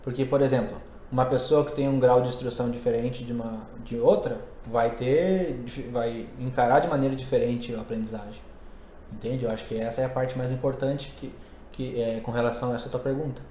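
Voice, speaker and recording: A man's voice: medium pitch, fairly even intonation, fairly quick, warm tone, a little hiss or hum. A man who teaches English and Portuguese, hosting a casual podcast and explaining ideas conversationally while thinking aloud. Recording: roomy echo.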